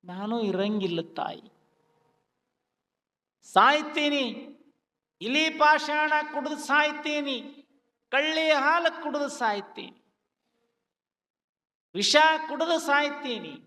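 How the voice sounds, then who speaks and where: A man's voice: very high-pitched, slow, sharp tone, full character voice. A man voicing a despairing young widow in a folk drama recitation, lamenting in a North Karnataka accent. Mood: grieving. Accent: North Karnataka Kannada. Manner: lamenting, pleading sing-song delivery. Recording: long hall reverb.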